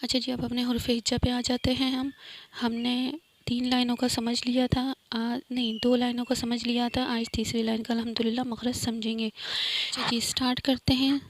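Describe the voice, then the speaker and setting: A woman teaching Quran reading, sounding out letters and vowel marks slowly and then breaking into quick explanations. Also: on the high side, monotone. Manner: patient, drawn-out syllables with quick asides of explanation. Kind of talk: slow letter-by-letter recitation lesson.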